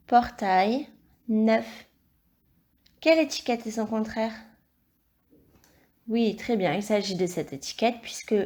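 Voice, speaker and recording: A woman teacher giving a recorded reading and dictation lesson to young children, speaking slowly and clearly and encouraging the child directly. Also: on the high side, darkish tone. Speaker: primary school teacher.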